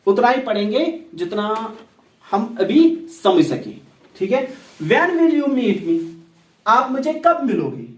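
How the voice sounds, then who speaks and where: Slow, high-voiced male English teacher. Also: distant mic. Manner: slow, deliberate, repeats English example sentences. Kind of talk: grammar lesson explained in Hindi. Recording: echoey room, set back from the mic.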